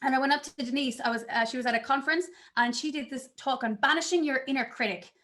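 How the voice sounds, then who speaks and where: Woman, conference talk, lively storytelling, acts out past reactions, slightly high voice. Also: quick pace. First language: not English. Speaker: conference speaker.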